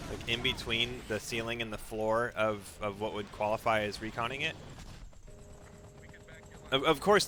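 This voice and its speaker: With a fairly low pitch and a sharp tone, a male speedrunner and video game streamer calls out his own moves live as he plays. He tends to repeat phrases and swaps swear words for mild exclamations.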